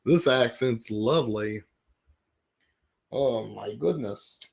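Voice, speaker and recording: Speaking slowly with vocal fry and a slightly rough, medium-pitched voice, a livestream host from Ohio jokes and rambles at his own expense. He's in a dim room at home, using a fake British-sounding accent.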